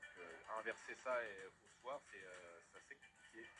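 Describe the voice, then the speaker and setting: A man giving conversational fight analysis as a co-commentator, in halting, hesitant phrases. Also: on the low side. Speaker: expert co-commentator. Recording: music playing under the voice.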